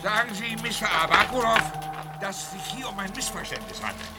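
A man's voice: high voice, sing-song, a little fast, loud music behind the voice. An actor playing a frightened, cornered man in an audio drama, agitated and pleading. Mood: nervous. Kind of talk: German audio drama acting.

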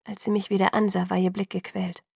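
A woman narrating an audiobook in the first person, measured and sometimes hushed. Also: mid-range voice, little pitch movement, vocal fry, husky, no room sound, studio quality.

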